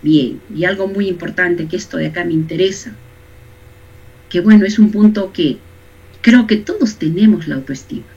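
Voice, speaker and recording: Lively teacher, husky voice, lo-fi recording. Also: mid-range voice, moderate pace. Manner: lively, asks rhetorical questions and acts out examples. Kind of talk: recorded lesson addressed to young people.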